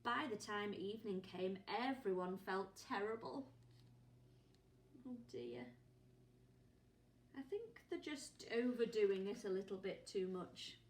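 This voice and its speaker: Reading slowly and pausing often, a woman with a mid-range voice and wide pitch swings shares a picture book with little ones as their primary teacher. She poses questions to them and gasps and whispers expressively. The audio is distant and roomy with echo.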